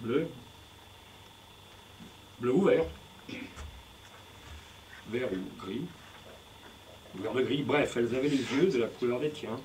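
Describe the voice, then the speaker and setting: A male spoken-word poet performs live on stage, punning playfully in a declamatory, rhythmic way. He speaks slowly in a medium-pitched, slightly mellow voice with long pauses. The distant recording includes music and slight background noise.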